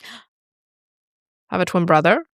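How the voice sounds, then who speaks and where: A woman's voice: lowish voice, slow, dry recording, studio quality. A young woman from Chile, a clinic client care specialist, chatting casually in an interview with lots of fillers. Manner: relaxed, chatty, many fillers like "like" and "you know".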